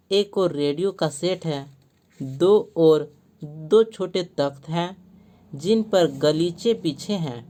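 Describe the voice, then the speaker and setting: A woman teacher reads the stage directions of a play aloud for her class. Her pace is very slow and deliberate. Her pitch sits a little low. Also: a little mellow.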